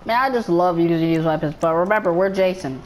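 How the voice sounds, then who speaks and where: A woman giving casual gameplay commentary, excitable and rambling, often stumbling and repeating her words. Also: on the low side, fast, a little hiss or hum, rough recording.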